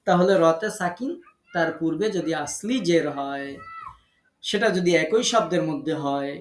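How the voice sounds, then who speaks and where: Patient male Quran teacher in an echoey room. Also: on the high side. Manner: patient, repeats rules and slowly drawn-out example words. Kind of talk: online tajweed lesson.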